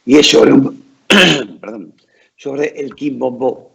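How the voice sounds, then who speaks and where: A man's voice: medium pitch, slow pace, creaky, fairly bright tone, slightly rough. A man hosting a conversational interview with formal, courteous phrasing. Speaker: interviewer, program host. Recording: dull, lo-fi sound.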